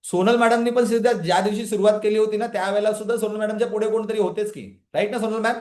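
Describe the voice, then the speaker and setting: A trainer with a voice that sits high talks quickly in a room with a roomy sound. He's leading a live women's empowerment session online, energetically questioning the audience and addressing the chat again and again so they'll answer.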